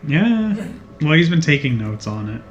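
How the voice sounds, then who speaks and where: A man's voice: fairly high pitch, sing-song, a little slow. A man commentating on a video game, explaining its mechanics with dry, wry remarks. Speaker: let's play commentator. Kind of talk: casual gaming commentary.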